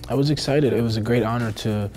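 A man in his twenties from Costa Rica, a soccer player answering interview questions in a halting way, with frequent fillers and restarts. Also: mid-range voice, music in the background. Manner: hesitant, many fillers and restarts. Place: indoor studio backdrop.

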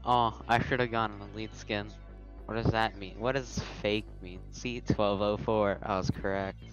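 A man's voice: lowish voice, fairly even intonation, normal speed, a bit bright, highs cut off, faint music behind. A man chatting casually with a friend while gaming, in a teasing, argumentative way. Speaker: gamer.

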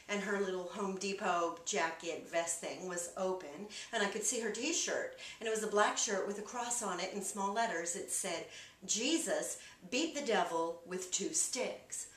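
A woman's voice: mid-range voice, moderate pace, echoey room, distant mic. A woman casually telling a funny anecdote, acting out the people in it. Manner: animated, acts out the people in her story. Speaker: storyteller.

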